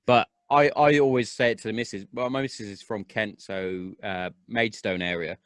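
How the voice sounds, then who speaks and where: A man's voice: fairly low pitch, fairly even intonation, moderate pace, no room sound, clean studio sound. A young man with an English accent hosting a casual podcast chat, rambling, restarting and swearing freely. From England. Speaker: podcast host.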